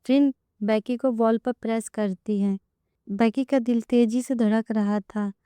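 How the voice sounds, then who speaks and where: A woman reading a romance story aloud in an even storytelling manner. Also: fairly high pitch, a little slow, clean tone, dry recording. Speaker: narrator. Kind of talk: scripted narration of a romance story.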